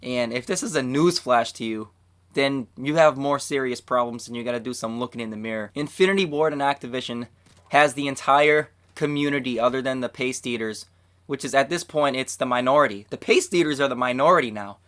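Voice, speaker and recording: A man's voice: medium pitch, a little fast, a bit bright. A young man hosting gaming commentary, losing his voice and cracking at times, ranting in a blunt, fired-up way.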